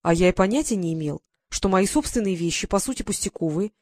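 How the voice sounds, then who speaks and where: A reader doing stern cold aristocratic lord. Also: male voice, sits high, lively intonation, quick pace, no echo, clean studio sound. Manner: stern, interrogating.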